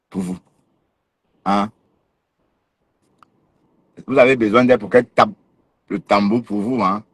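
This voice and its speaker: A man's voice: lowish voice, a bit bright, breathy edge, no room sound. A man hosting a casual livestream, addressing a rival directly in a mocking, confrontational way. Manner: mocking, confrontational, teasing laughs. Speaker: livestream host.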